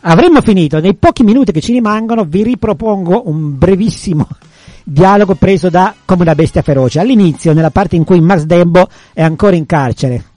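A man's voice: sits high, a little fast, warm tone. A man hosting a radio talk show, telling anecdotes casually with restarts and chuckles. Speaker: radio host.

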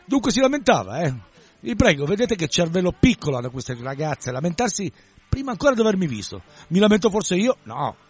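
Guy reading a cocky young man from a novel, bouncy high-ish voice, sneery and excitable. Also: a little fast, breathy edge, heavily acted. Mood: boastful. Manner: boastful, scornful, excitable. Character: brash young man scorning girls.

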